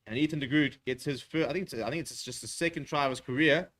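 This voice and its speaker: A man calls a rugby match live for a watchalong audience. He talks at a quick clip, piling up fillers and restarts, and his voice jumps up whenever the play gets going. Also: medium pitch. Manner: rapid, excitable play-by-play with filler words. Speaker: watchalong commentator. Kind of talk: live rugby commentary with chat replies.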